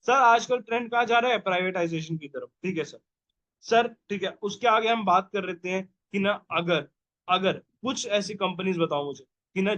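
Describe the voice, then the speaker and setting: A man's voice: high-pitched, a bit bright. A young man teaching a revision lecture, playful and jokey, who keeps quizzing his listeners with "yes or no?".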